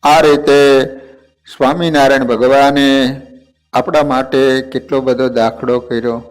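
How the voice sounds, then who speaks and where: A man's voice: mid-range voice, level tone, unhurried, clear, resonant tone. A man narrating a devotional story as preacher, speaking to his listeners as devotees. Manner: addresses listeners as devotees, does character voices.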